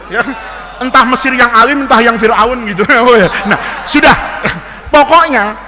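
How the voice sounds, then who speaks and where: A man's voice: extremely high pitch, pushed and bright, in a large hall. A man with an Indonesian accent giving a playful religious lesson to students, joking and mimicking dialects as he spells out words. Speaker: Islamic teacher.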